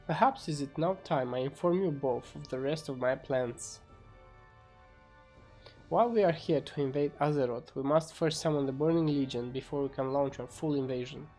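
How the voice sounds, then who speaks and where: A man's voice: medium pitch, moderate pace, warm tone, soft background music, natural voice. A man voicing an imperious, scheming demon lord with grandiose, stern commands in an amateur fantasy game story. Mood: solemn.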